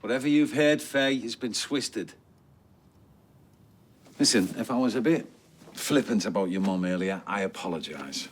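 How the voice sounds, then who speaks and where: A man's voice: lowish voice, lively intonation, normal speed, pauses often, a little hiss or hum, lightly acted. An actor playing an evasive, menacing man, dismissive and needling, in a TV soap. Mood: evasive, defensive. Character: evasive, menacing man cornered by a questioning girl. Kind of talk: naturalistic TV soap acting.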